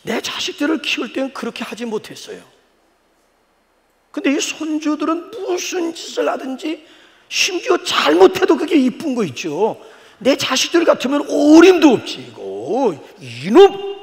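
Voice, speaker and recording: An older man, a pastor, preaching a sermon with folksy stories and sudden animated exclamations. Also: extremely high pitch, normal speed, long reverb tail.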